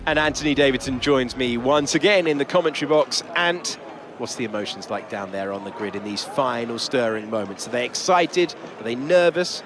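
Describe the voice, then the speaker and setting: A man voicing a male in-game race commentator, reading the grid in smooth broadcaster delivery. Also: mid-range voice, brisk, music in the background, close to an everyday voice. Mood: measured.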